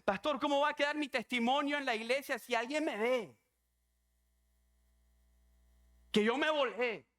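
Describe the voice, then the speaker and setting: A man's voice: fairly quick, fairly bright tone. Man putting on a sobbing young woman. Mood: panicked. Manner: pleading, repeating herself in a high strained voice.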